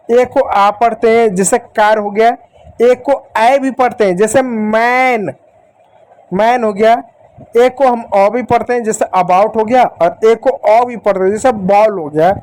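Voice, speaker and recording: A man teaches children English letter sounds. He goes slowly and patiently, repeating each sound and calling the kids to follow along. The recording is close and dry, with no room echo. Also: high voice, darkish tone. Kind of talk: explanatory lesson.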